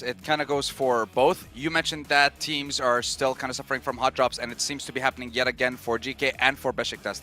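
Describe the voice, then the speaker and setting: A man's voice: mid-range voice, pushed and bright. A man explaining team drop spots and picks at an esports analyst desk.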